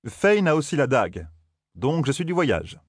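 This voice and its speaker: A man's voice: a little high, very animated, moderate pace, dry recording, clean studio sound, pitched above the performer's own voice. A man voicing a brash, reckless young man who talks bluntly and edgily, in a fantasy audiobook. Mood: defiant.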